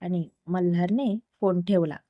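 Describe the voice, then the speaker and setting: A woman narrating a romance story in a calm, measured reading. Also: lowish voice, no room sound, dull audio.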